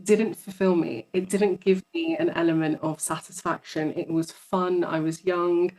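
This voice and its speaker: Speaking at a moderate pace in a fairly low, flat, slightly mellow voice, a psychologist from London, England, chats casually as an interview guest. She tells stories and frequently repeats words to stress them, though the audio is poor.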